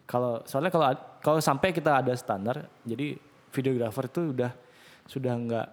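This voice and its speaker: A man chatting casually as a podcast host, relaxed and joking, with lots of fillers. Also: mid-range voice, normal speed. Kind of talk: casual chat. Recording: long hall reverb.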